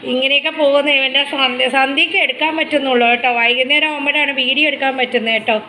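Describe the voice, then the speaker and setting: A woman records on her phone at home, with faint room noise. Her high, bright voice climbs into a sing-song coo for her dog, then settles into easy chat with her viewers. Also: fairly even intonation, very fast. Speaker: vlogger, dog owner. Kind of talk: casual home vlog, talking to her dog. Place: home, near the kitchen. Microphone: phone camera.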